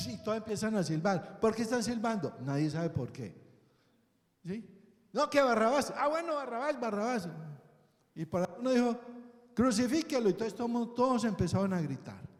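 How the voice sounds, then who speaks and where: A man's voice: high voice, lively intonation, brisk, a little mellow. A male pastor preaching a sermon, asking the congregation questions and checking in with them often. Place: church hall. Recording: echoey church hall.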